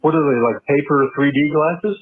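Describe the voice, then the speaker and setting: Husky man heard through a tinny prison phone line, questioning and plain-spoken. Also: on the high side, moderate pace. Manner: questioning, plain-spoken, stumbles and repeats words. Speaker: parent on a call with his jailed son.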